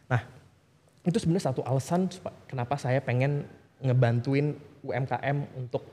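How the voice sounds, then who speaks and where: A man, a podcast guest telling stories in a relaxed, slangy, informal way. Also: medium pitch, normal speed, in a large hall. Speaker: guest, founder of a legal aid group for small businesses. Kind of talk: casual podcast conversation.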